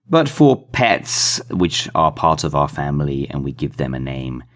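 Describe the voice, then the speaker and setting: A man teaching an English phonics lesson, spelling out letters and sounding out blends with careful emphasis on each keyword. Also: a bass voice. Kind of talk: slow, deliberate phonics lesson.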